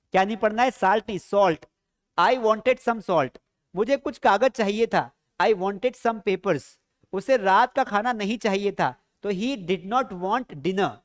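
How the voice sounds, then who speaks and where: Male English teacher. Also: high-pitched. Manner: explains patiently, drills pronunciation, asks the viewers questions. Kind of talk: spoken English lesson.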